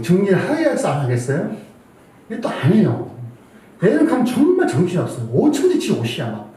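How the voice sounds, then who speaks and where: A man's voice: on the high side, dark tone. A man in his forties preaching a Sunday sermon in a church hall, telling a family story and acting out his own angry scolding. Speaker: pastor. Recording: echoey hall from far off.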